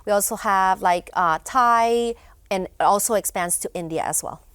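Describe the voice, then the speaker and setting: A woman's voice: medium pitch, normal speed, a bit bright, smooth, no room sound. A young woman from Honduras, a guest in a studio interview, talking casually with many fillers and restarts. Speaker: guest, event founder.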